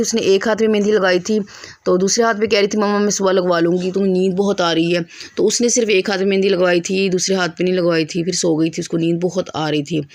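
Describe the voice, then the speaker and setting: A hoarse young woman, a mother, chatting affectionately to the camera in a casual home vlog. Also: medium pitch, dry recording. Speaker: mother vlogger. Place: family home indoors.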